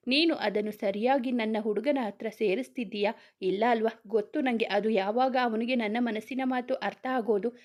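A gentle, soft-natured young heroine from a storybook, read by a woman. She speaks softly and wistfully in a somewhat high voice. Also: normal speed, close to an everyday voice.

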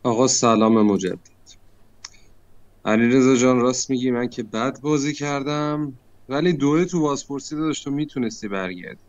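A man's voice: mid-range voice, darkish tone, no room sound. A man recapping an online mafia game as a player, friendly and self-critical about his own play. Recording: dry lo-fi online call audio.

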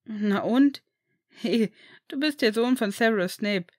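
A woman voicing an eager, excitable eleven-year-old boy in a storybook reading. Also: on the high side, unhurried, no echo, clean studio sound.

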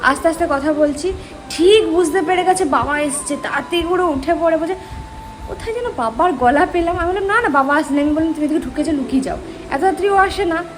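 A woman's voice: extremely high pitch, fairly quick, a little hiss or hum. A woman chatting casually at home in a vlog, talking straight to her viewers. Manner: chatty, addresses viewers directly. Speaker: vlogger. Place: at home, indoors.

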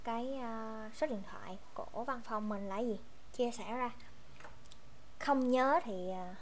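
Vietnamese-accented woman, English teacher, unhurried and deliberate, reads each number out carefully. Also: a little high, a little hiss or hum. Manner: slow, careful reading of English numbers and sentences. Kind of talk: online English lesson, mixing Vietnamese and English.

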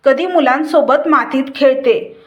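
Slow, high-voiced woman storyteller. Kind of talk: scripted story narration.

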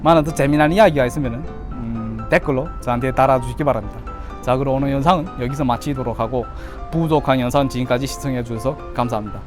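With music in the background, a man in his thirties casually recounts his childhood to camera as a YouTuber. He is from Yanbian, China, has a Chinese-Korean Yanbian accent, and talks quickly in a mid-range voice.

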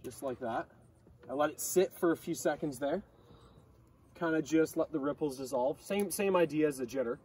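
Out on a lake in a small boat, a young angler shows how he fishes, taking it one step at a time in an easygoing outdoor chat. He speaks at a moderate pace in a slightly high, husky voice with a darkish tone. Faint outdoor noise comes through, and he sounds a bit far away.

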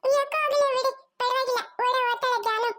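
A tiny, chirpy little boy, put on by a woman, squeaks in a thin, very high childish voice. He is bouncy and pleading, the way a cheeky small child begs to tag along. It has the feel of a homemade family drama. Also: flat delivery, quick pace, heavy background noise. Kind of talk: acted family drama dialogue.

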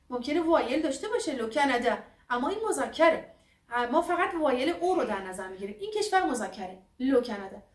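A fairly high-voiced woman from Iran gives a French lesson, pronouncing each example phrase slowly and carefully before explaining it at a brisker pace. She sounds set back from the mic in an echoey room. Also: recorded from a distance. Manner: slow, drawn-out dictation of French examples between quick explanations. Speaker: French teacher. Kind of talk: language lesson.

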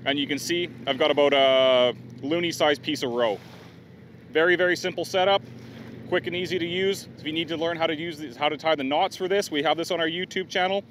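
A middle-aged man talks through a how-to tutorial outdoors by a river. His voice sits a little high, and his delivery is plain and practical, with the odd "um" and "uh". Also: steady tone, a little fast, fairly bright tone, slight background noise. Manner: plain, practical explaining with fillers. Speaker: fishing guide demonstrating gear.

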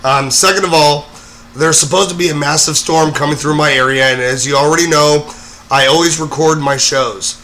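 A hoarse man getting over a cold, hosting a live makeup tutorial in a rambling way with lots of fillers. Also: a little high, fairly even intonation, normal speed, sharp tone, a little hiss or hum. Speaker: host of a live makeup show. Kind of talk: casual live-stream tutorial.

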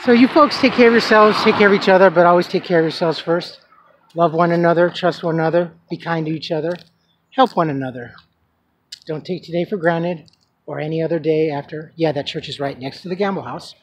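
The handheld camera catches a man with a slightly high, breathy-edged voice talking fairly quickly as he tours his neighborhood on foot. It's a casual, rambling vlog full of fillers, recorded in low quality outdoors on a residential street with passing traffic and street sounds.

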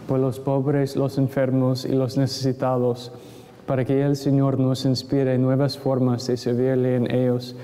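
Monotone priest in cathedral echo. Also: male voice, medium pitch. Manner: solemn, measured, phrase-by-phrase delivery. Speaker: priest leading Mass. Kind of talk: liturgical recitation of creed and prayers. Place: large church, standing at the altar. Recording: echoey church with long reverb, congregation sounds. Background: congregation.

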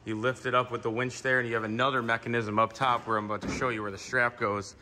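A medium-pitched man talks fast in a level, sharp tone while he films handheld in a wooden barn workshop, casually explaining and posing impromptu questions as camera operator and interviewer. It's a noisy workshop recording from a handheld camera or phone mic.

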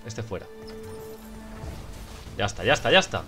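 Excitable man from Spain, shouting at a game. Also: lowish voice, normal speed, faint music behind. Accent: Spain Spanish. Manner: excitable, swears and shouts in frustration. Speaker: gameplay streamer. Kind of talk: casual gameplay commentary.

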